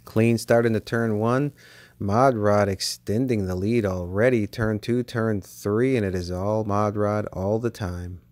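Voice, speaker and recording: Low-voiced man calling toy car races. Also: unhurried. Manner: excitable play-by-play calling. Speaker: race commentator and channel host. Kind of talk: race commentary. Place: basement with toy race track.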